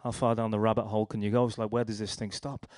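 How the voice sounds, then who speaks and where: A young man with a Liverpool accent tells his personal testimony in a rambling, storytelling way. His voice sits fairly low, and the recording is dry and close. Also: little pitch movement, quick pace, a little mellow, no room sound. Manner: rambling, storytelling with restarts and acted quotes. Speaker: speaker sharing a testimony.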